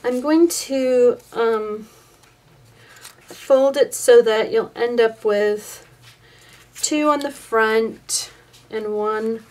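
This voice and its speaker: A woman's voice: on the high side, extremely slow, long pauses, a little mellow, far from the mic. A woman casually showing her handmade paper crafts to viewers, chatting loosely with frequent ums. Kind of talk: casual craft show-and-tell. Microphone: camera pointed at her hands, away from her face.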